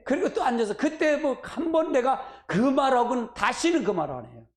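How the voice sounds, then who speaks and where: A man's voice: extremely high pitch, very animated, moderate pace. A middle-aged man preaching at a church prayer meeting in a folksy call-and-response style with personal asides. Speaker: pastor. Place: church sanctuary. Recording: echoey church hall.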